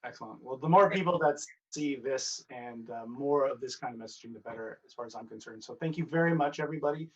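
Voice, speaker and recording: A man's voice: mid-range voice, quick pace, few pauses, dull audio, crowd noise. Stumbling male festival host, off-mic. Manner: stumbling, apologetic, stuttering. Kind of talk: hosting a live festival Q&A. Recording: distant from the mic.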